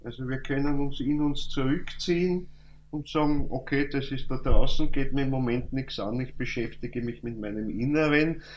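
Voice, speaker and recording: A man giving a calm, thoughtful spoken lecture, reciting verse slowly at times. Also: medium pitch, lo-fi sound. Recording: echoey room, faint hum.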